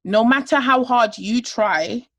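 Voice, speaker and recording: A woman's voice: fairly high pitch, slow, a bit bright. A woman co-hosting a candid discussion podcast, making her case emphatically and point by point. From United Kingdom. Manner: emphatic, lays out points one by one. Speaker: podcast co-host.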